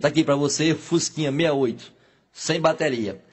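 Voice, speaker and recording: A man telling a string of jokes, leaping into high exaggerated voices for the characters. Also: fairly quick, husky. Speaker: joke teller. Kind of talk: telling jokes to a live audience.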